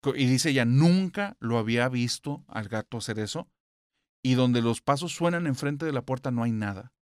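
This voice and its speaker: A man's voice: medium pitch, expressive, moderate pace, clean tone, no echo, studio quality. A man, hosting a podcast and retelling a frightening story with quoted voices. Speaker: podcast host. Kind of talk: storytelling a horror anecdote.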